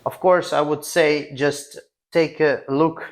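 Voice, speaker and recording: A man with a Russian accent talking casually to camera as a vlog host, in halting non-native English broken into short phrases. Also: fairly high pitch, fairly even intonation, slight background noise. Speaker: host of a car restoration channel. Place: garage.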